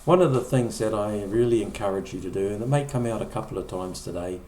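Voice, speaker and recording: A man's voice: fairly low pitch, fast, darkish tone, slight background noise. A middle-aged man preaching a conversational sermon, often repeating or restarting words and acting out short quoted lines. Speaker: pastor. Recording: echoey room.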